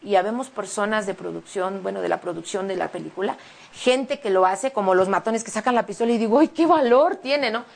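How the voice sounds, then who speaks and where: Mexican lady talking about her acting, bit of a gravelly fry in her voice, chatty and emotional. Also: medium pitch. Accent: Mexican Spanish. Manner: chatty and emotional, quick animated retelling. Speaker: interview guest, singer and actress. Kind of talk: casual interview chat.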